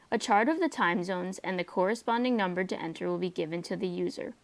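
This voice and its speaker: A young adult woman reading a step-by-step technical script as a student presenter. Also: medium pitch.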